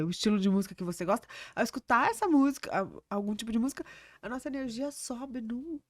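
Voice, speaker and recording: A woman's voice: a little high, no room sound, studio quality. A woman hosting a podcast interview who responds to her guest in an affirming, conversational way. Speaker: podcast host. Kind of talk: casual interview chat.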